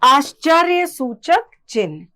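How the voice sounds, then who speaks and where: Slow, lively-voiced woman teaching children. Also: sits high. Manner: patient, explains slowly with examples and questions to the class. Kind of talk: grammar lesson for children.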